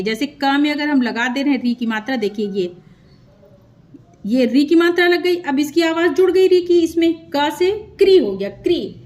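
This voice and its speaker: A woman teaching a children's script lesson, slow and patient, stretching out syllables and repeating sounds for learners. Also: high-pitched.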